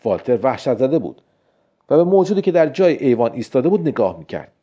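A man reads a spooky tale aloud and jumps his voice up whenever a character speaks. His tone is mellow and his pitch moves a lot. The recording sounds dull and lo-fi. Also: very animated, husky. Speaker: storyteller. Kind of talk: scripted narration of a scary children's story.

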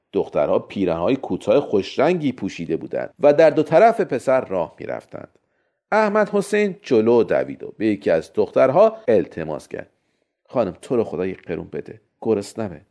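A man reading a first-person story aloud, with expressive, dramatic delivery. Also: mid-range voice. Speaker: narrator.

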